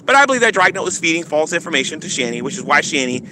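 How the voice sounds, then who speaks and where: A man's voice: a little high, very animated, racing, noisy background. A man ranting on a livestream, taunting and defiant, stammering and repeating himself, breaking into mocking laughter. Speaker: YouTube livestreamer.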